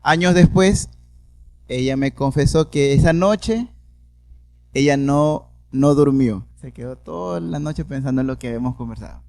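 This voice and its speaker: A man, a priest, telling his personal story in a podcast interview, with animated storytelling and light laughs. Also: mid-range voice, moderate pace, gravelly, dry recording.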